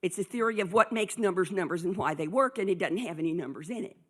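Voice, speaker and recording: A husky-voiced woman tells a story from the stage, her pitch leaping as she plays each person in the scene. She speaks to a conference audience in a loose, conversational way. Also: fast. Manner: animated storyteller acting out dialogue.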